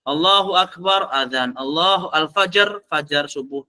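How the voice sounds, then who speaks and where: A man teaching an online Arabic class, slowly sounding out each Arabic word before explaining it. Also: on the high side, bright, forceful tone.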